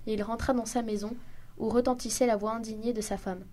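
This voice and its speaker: A woman reading a classic short story aloud in a steady narrating voice, with small restarts. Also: fairly high pitch, a little fast. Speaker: reader.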